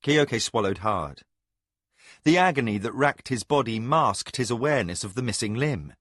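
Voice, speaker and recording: A male narrator reads a fantasy audiobook with a mid-pitched voice. His delivery moves lively up and down as he tells the story. The sound is dry and close to the mic. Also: normal speed, no echo. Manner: expressive storytelling. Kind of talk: scripted narration.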